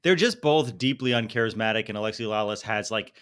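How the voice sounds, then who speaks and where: A man's voice: on the low side, fast, fairly bright tone, clean tone. A young adult man co-hosting a soccer podcast, bantering in a joking, irreverent way and laughing often. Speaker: podcast co-host.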